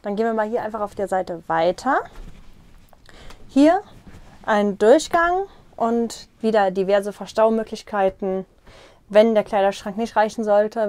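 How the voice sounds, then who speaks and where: A young woman vlogger casually tours a small caravan, explaining things as she walks and points. Her voice is mid-range with a darkish tone, captured on a lapel mic with no room sound.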